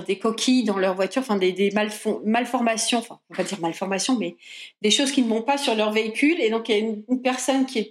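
A woman's voice: mid-range voice, reverberant. A French woman guest in a casual interview, talking with many hesitations and restarts. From France.

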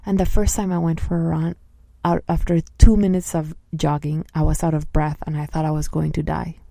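A woman in her thirties, a coach, speaking softly and earnestly about her own experience, at times voicing inner thoughts. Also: sits low, level tone, fairly quick, vocal fry, dry recording. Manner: soft-spoken, earnest, acts out inner voices. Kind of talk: reflective personal talk.

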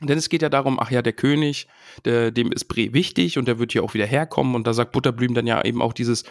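A man's voice: mid-range voice, fairly even intonation, quick pace, dry recording, clean studio sound. A man co-hosting a casual podcast about a book, cheerfully reading passages aloud with feeling. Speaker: podcast co-host.

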